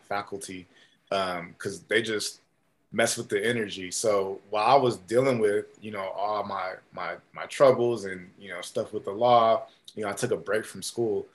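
A man telling stories as a podcast guest in a casual, animated way, with many fillers and restarts. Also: lowish voice. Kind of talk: casual storytelling.

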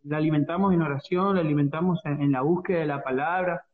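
A man's voice: on the high side, fast talker. A man with a Rioplatense Spanish accent co-hosting a devotional radio talk, preachy and repeating phrases for emphasis. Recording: dull radio audio with roomy echo.

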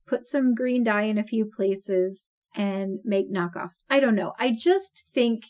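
A podcast co-host in her forties speaks a little slowly, her medium-pitched voice animated and a touch mellow. The chat is loose and chatty, punctuated by laughter and lots of fillers.

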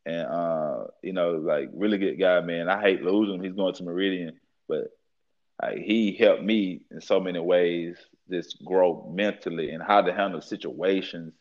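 A young adult man who works as a head football coach speaks casually in an interview, his voice low and his pace moderate. He's relaxed and keeps falling back on fillers and repeated phrases like "at the end of the day," all on dull lo-fi audio.

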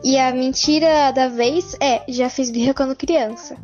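A woman's voice: high-pitched, fairly even intonation, measured pace, darkish tone, lo-fi sound, faint music behind. A woman guest gives a cheerful, friendly introduction of herself on a podcast. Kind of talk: casual self-introduction.

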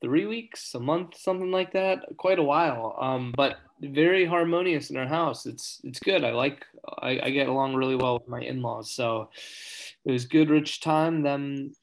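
Gravelly, easygoing podcast co-host. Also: male voice, mid-range voice, moderate pace, poor audio. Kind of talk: casual faith podcast chat.

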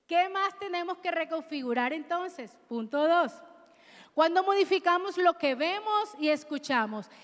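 High-voiced woman preaching in a hall. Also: lively intonation, unhurried, fairly bright tone. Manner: exhorting, call-and-response with the congregation. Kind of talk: sermon.

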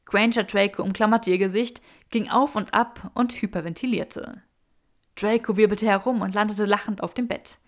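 A woman narrating a story as an audiobook in a steady, expressive reading. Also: mid-range voice, normal speed.

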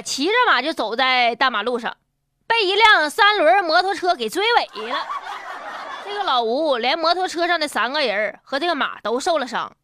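Casting: woman comedy news host, Northeastern Mandarin accent, very animated high voice, sassy mocking storytelling. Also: dry recording, clean studio sound. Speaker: host of a comic news commentary show. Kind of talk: comedic news commentary with punchlines.

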